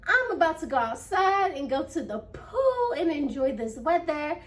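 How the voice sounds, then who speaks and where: A high-pitched woman chats earnestly to camera in a casual vlog. She sounds a little nervous and slightly out of breath, and circles back over her own phrases. Her voice sits a short way back from the mic. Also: sing-song, normal speed, a bit bright, far from the mic. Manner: earnest, repeats phrases, many fillers. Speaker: vlogger. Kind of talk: casual first-vlog chat.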